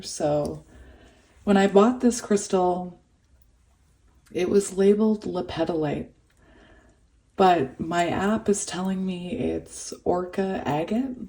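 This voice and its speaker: A tarot reader with a cold has almost lost her voice, so she sounds hoarse, though her mid-range voice keeps a warm tone. She chats casually through the reading, laughing often between thoughts and trailing off with fillers.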